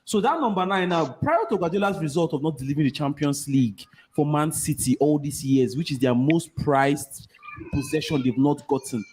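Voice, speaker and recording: Nigerian man, moderately high voice, casual football analysis, faint noise. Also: moderate pace, a little mellow. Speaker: football show panellist.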